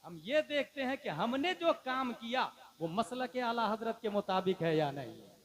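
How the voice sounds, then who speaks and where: A man preaching a sermon, shifting from quiet talk to shouted, impassioned peaks and quick Arabic recitation. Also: very high voice, big pitch swings, rough recording. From India. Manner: breaks into rapid Arabic recitation. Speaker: Islamic preacher.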